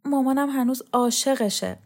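A woman voicing an anxious young girl who pleads in hurried, tearful bursts in an audio storybook. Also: sits high, a little mellow, voice pushed up. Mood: anxious pleading.

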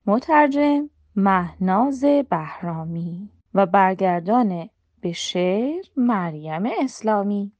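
A woman introducing a children's story and its credits in a lively, friendly way. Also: mid-range voice, no room sound. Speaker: story narrator. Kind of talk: reading credits before a story.

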